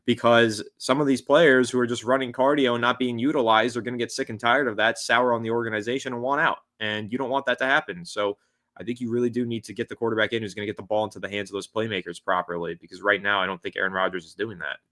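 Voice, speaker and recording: A man's voice: medium pitch, steady tone, quick pace, fairly bright tone. A man co-hosting a casual sports podcast, giving blunt, opinionated takes. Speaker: podcast co-host.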